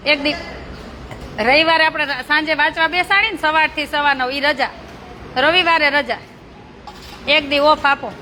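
High-voiced woman bossing children around. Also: steady tone, normal speed, long pauses, bright, forceful tone. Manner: bossy and playful, coaxing and scolding kids. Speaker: charity worker with slum children. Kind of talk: casual talk with children. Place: among a group of children. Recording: noisy crowded outdoor ambience.

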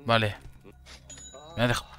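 A man from Spain with a Murcian accent, commenting on a game he is playing, breaking into loud surprised swearing and laughter. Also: normal speed, faint music behind. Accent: Murcian Spanish. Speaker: gaming streamer. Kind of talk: gameplay commentary.

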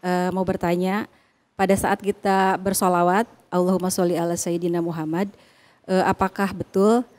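A woman's voice: on the low side, level tone, moderate pace, darkish tone. A woman from the audience politely asking a question, with hesitant fillers.

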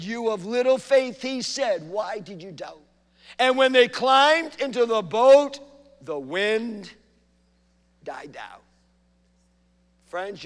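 A man preaching a sermon as pastor, swinging between hushed asides and loud, emphatic lines. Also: high-pitched, in a large hall. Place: church sanctuary.

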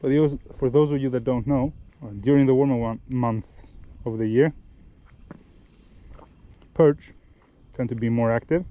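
A young man gives relaxed, explanatory fishing tips outdoors by a lake, often restarting and correcting himself mid-sentence. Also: medium pitch, a little slow, phone-quality sound. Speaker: fishing vlogger. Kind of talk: casual instructional talk while fishing.

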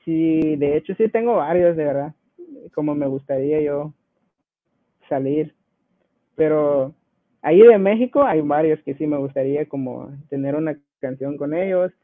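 A man from Guatemala chats as a guest, an easygoing rapper who chuckles as he tells his stories. His voice sits high, and the sound is dry and thin like a phone line. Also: normal speed, dry recording. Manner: easygoing, chuckles between anecdotes. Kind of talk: casual interview storytelling.

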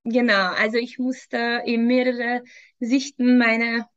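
This is a thirties-aged woman from Hungary, a fitness trainer being interviewed by video call from her home, speaking with a Hungarian accent. Her fairly high, slightly bright voice stays flat and slow as she hesitates through many ums and frequent laughter. The sound is lo-fi.

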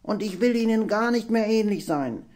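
A man voicing a small, frightened male half-dragon, squeaky and pleading, in an audiobook reading. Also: expressive, normal speed, darkish tone. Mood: earnest promising. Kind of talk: audiobook character voice.

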